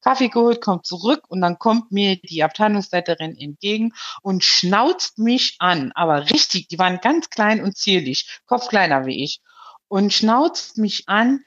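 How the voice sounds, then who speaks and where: A woman's voice: mid-range voice, fairly bright tone, dull audio. A woman in her fifties calling in, telling a personal story in casual chat with many hesitations. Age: 50s. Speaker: caller.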